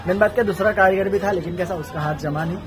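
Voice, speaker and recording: In this family vlog, a young man speaks in a high voice at a quick pace, casually chatting and teasing his baby son. It's a noisy phone recording from a small home on a rainy day, with music behind him.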